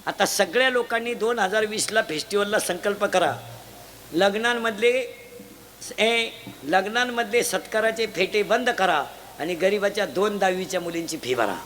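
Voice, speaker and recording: A man giving a comic kirtan sermon, teasing and shouting questions to children in the audience. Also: high voice, normal speed. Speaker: kirtan preacher. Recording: noisy live event ambience.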